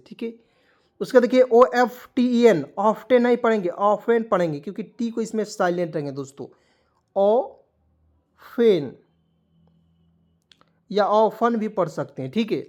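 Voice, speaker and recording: A man's voice: high-pitched, lively intonation, fairly quick, a little mellow. A man teaching English spelling and pronunciation in a lesson, repeating each word, asking the viewers what it reads as, and adding motivational asides. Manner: repetitive, coaxing, keeps asking what it reads as.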